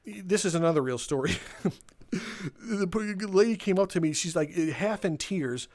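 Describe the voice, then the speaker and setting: A young man talks casually over a game, in a voice a bit higher than most men's. He rambles and sounds sardonic, swearing now and then as he tells his stories. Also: animated, normal speed, a little mellow. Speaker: gaming video creator. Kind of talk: casual storytelling while playing a game.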